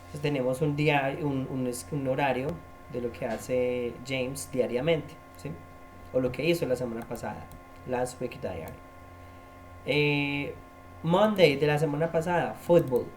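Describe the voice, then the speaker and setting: A man's voice: mid-range voice, unhurried, slight background noise. A man, teaching an English tutorial lesson and patiently repeating key words to drill them.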